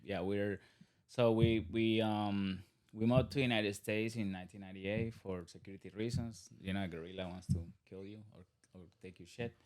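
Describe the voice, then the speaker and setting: In a casual podcast interview, a Colombian guest in his thirties who owns a business and grew up speaking Spanish rambles, restarts, and laughs often, his Colombian accent audible. His voice is lowish, steady, and a bit mellow at a normal speed.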